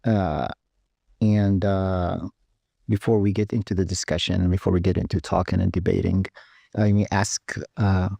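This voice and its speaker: A man's voice: sits low, fairly even intonation, normal speed, creaky, mellow, dry recording. A man from Bethlehem, speaking politely and hesitantly in a public debate, with frequent fillers. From Bethlehem, West Bank. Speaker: audience debater.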